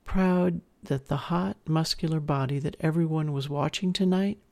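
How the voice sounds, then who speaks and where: A narrator speaking as a dominant partner, telling an erotic story to the listener in an intimate, measured way. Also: mid-range voice, creaky, a little mellow. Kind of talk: intimate second-person erotic audio narration.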